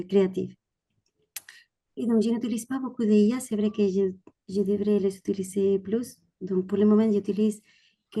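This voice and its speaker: Spanish-accented woman, mellow voice. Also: medium pitch. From Spain. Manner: hesitant, repeats words while searching for phrasing. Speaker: webinar participant asking a question. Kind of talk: casual spoken question.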